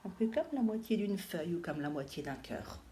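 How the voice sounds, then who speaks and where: A woman teacher giving a lesson to young children, slowly drawing out and exaggerating each letter sound. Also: on the low side, very animated, warm tone, slight background noise.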